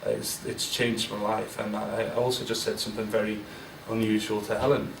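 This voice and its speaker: Here a forties-aged man, invited as guest speaker, talks frankly and casually to a business-event audience, often restarting and using fillers. His pitch is on the low side with little movement and a moderate pace; the distant mic captures a roomy space, faint ambience and slight hiss or hum.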